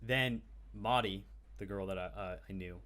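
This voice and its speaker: A young man with a somewhat low voice tells a rambling, casual anecdote to friends. His talk is loose and filled with "uh"s and swear words. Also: moderate pace, a bit bright. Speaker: podcast co-host telling a story. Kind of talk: casual storytelling chat.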